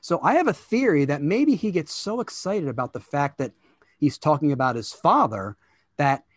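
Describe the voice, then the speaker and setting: A man's voice: a little high, expressive, moderate pace, no echo. Wry male podcast host, dry sound. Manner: joking, wry. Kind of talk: casual podcast chat.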